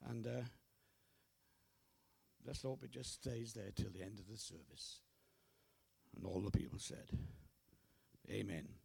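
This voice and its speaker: Croaky slow-preaching male pastor. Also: fairly low pitch, darkish tone. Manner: emphatic preaching, urging the congregation. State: hoarse, getting over a cold. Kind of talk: sermon. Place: church service.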